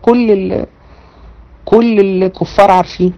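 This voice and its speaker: A woman with an Egyptian Arabic accent gives an online religion lesson to her women students. Her delivery is lively and conversational, full of rhetorical questions to the class. She slows down and leans on the points she wants them to remember. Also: medium pitch, highs cut off. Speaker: religion teacher.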